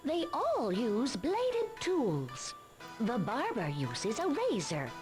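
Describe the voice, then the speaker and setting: A patient, helpful woman whose fairly high voice rises and falls as she explains. She speaks in a dubbed video game. Game music plays behind her. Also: wildly swooping pitch, slow, full character voice. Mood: explaining.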